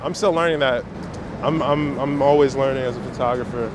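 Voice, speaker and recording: Interviewed outdoors in the city, a photographer from Brooklyn chats casually using slang. He talks a little fast in a steady, medium-pitched voice, and the clear audio picks up passing traffic.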